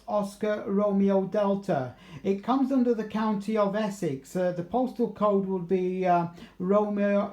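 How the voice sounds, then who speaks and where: A man with a southeast English accent chats casually and matily from his kitchen at home, acting as a radio operator and using procedure words over a radio contact. His voice is high with a dark tone, and the sound is roomy.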